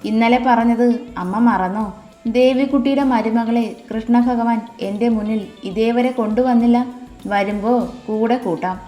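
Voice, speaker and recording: A woman voicing a kind young man who talks to his mother calmly and reassuringly. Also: a little high, normal speed, lightly acted. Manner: calm, reassuring. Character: kind young man, gentle and teasing son. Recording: echoey room with soft music.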